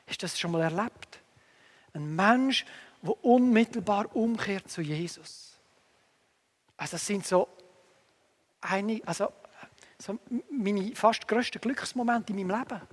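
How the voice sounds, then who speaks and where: A man preaching a sermon earnestly, moving between emphatic lines and hushed asides, with long hall reverb. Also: high voice, slightly rough.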